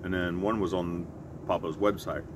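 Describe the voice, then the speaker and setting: A middle-aged man telling stories in a casual, halting ramble, easygoing and often correcting himself. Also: low voice, fairly even intonation. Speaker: pipe vlogger. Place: outside by a house with siding. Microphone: camera a short distance in front. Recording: clear outdoor traffic or air-conditioner hum.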